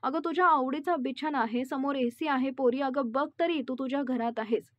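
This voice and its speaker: A woman reading the lines of a protective elderly father calming his daughter. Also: high voice, normal speed, no room sound, muffled recording, close to an everyday voice. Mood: soothing. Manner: soothing, firm.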